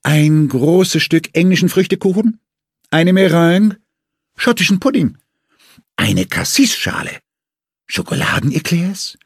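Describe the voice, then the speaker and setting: A man's voice: on the high side, sing-song, measured pace, pauses often, breathy edge, dry recording, studio quality, voice pushed up, full character voice. A man voicing a retired older woman who plays the sugary hostess with mock enthusiasm. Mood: syrupy. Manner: gushing, syrupy-sweet and overly eager.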